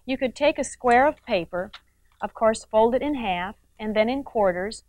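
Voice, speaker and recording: A woman's voice: on the high side, lively intonation, moderate pace, a little mellow, no room sound, rough recording. A middle-aged woman hosting a quilting show, demonstrating step by step in a chatty way with frequent tag questions to the viewer. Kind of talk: instructional TV demonstration.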